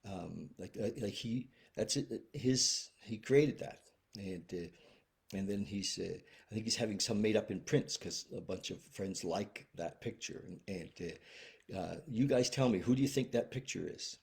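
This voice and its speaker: A man hosting a recovery video from home, talking casually and gently, with many restarts, and apologetic. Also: lowish voice, measured pace, gravelly, breathy edge. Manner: rambling, many restarts and fillers. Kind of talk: casual heartfelt talk. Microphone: webcam video stream.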